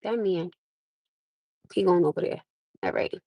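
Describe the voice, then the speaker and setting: She's an American livestream host sitting in her parked car with a phone camera, chatting with viewers, laughing frequently and addressing them as "my love." Her voice is lowish and a little slow, and the recording is dry and muffled.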